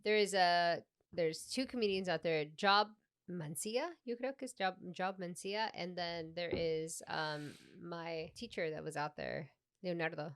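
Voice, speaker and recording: Lively Peruvian woman swapping English and Spanish. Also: fairly low pitch, unhurried, clean tone, no room sound, clean studio sound. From Peru. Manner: animated storytelling, switching between English and Spanish, frequent laughs. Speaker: podcast co-host and stand-up comedian. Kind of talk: casual podcast chat.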